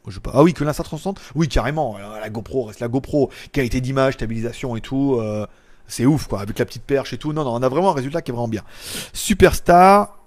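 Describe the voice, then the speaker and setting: A man chatting casually on a live stream, reading viewers' comments and joking, loud one moment and mumbling the next. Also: mid-range voice, fast. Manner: loud, jokey, trails off into mumbles and chuckles. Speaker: tech YouTuber hosting a live stream. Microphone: small clip-on mic.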